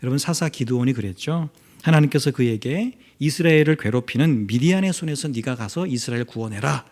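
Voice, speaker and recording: Animated male pastor preaching a sermon. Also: mid-range voice, brisk. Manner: animated preaching, swings between loud emphasis and near-whispers; conversational, addresses congregation directly.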